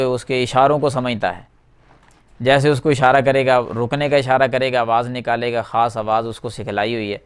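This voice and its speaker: A man leads a classroom lesson at a whiteboard, his voice smooth and clear at a middle pitch. He explains each word step by step, repeating key terms and putting questions to his students before answering them himself. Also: no room sound. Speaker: Quran teacher.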